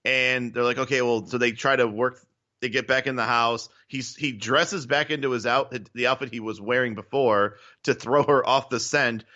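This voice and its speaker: A man with a bright, pointed voice co-hosts a casual wrestling podcast, arguing his ratings bluntly and swearing freely. The sound is a little muffled and lo-fi. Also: mid-range voice, fairly even intonation, normal speed. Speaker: podcast co-host. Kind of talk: casual wrestling recap chat.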